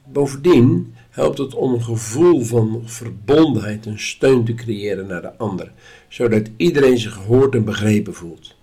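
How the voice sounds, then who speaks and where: A man talks through a lesson in a calm, instructive way. His voice is husky and a little breathy, and his pitch sits in an ordinary middle range. He keeps a measured, steady delivery. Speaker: course teacher. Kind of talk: spoken lesson.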